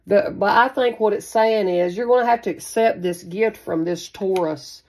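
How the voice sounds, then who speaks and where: At moderate speed and mid-range pitch, a woman with a somewhat mellow voice runs an improvised tarot reading for her spiritual channel. Working at a card table in a small indoor room, she wanders and repeats herself in a homey way, sometimes swearing.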